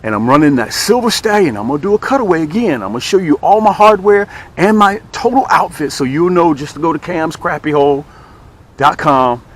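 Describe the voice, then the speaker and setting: An expressive man with a voice on the high side talks a little fast while hosting a fishing show outdoors. He's excited, repeats phrases for emphasis, and demonstrates tackle he's selling.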